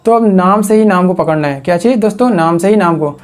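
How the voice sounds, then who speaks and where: A man with a high-pitched voice talks fast while teaching an exam coaching lecture. He poses questions to the class, answers them himself, and builds memory tricks out of words.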